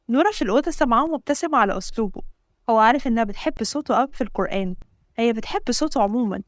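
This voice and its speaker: A woman with an Egyptian Arabic accent narrating a story in a brisk, matter-of-fact way. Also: on the high side, no echo, clean studio sound.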